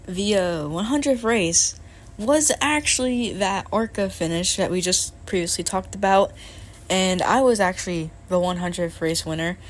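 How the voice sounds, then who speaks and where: A woman's voice: mid-range voice, moderate pace. A young woman recounting her racing league's history in a rambling, unsure way, with a laugh now and then. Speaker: league member narrating history. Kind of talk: casual chat.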